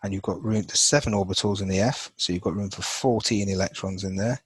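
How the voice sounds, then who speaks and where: Man, chemistry teacher, husky, fairly low voice, rambling with fillers, dry recording. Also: fairly even intonation, fairly quick, no echo, poor audio. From England. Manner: thinks aloud while coloring a chart, with many fillers and restarts. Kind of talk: informal lesson over a drawn screen.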